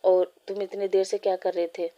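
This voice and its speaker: A woman's voice: mid-range voice, level tone, brisk, warm tone, natural voice. A woman voicing a young man, a firm boss in love, in a fan story read aloud.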